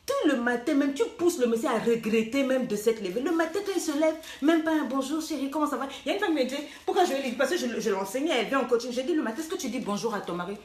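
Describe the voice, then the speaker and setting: A woman coach with a high voice gives playful, teasing relationship advice, dropping English phrases now and then. Her voice rings in an echoey room. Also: expressive, fast talker, hardly any pauses, darkish tone. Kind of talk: lively advice talk.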